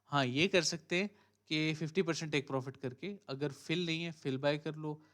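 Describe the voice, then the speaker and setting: A man's voice: a little high, normal speed, a bit bright. A man hosting a live stream, talking casually through trading charts and thinking aloud, often mixing in English phrases. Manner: casual, thinks aloud, many fillers and "ठीक है"; mixes Hindi-Urdu with English phrases. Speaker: crypto trading mentor.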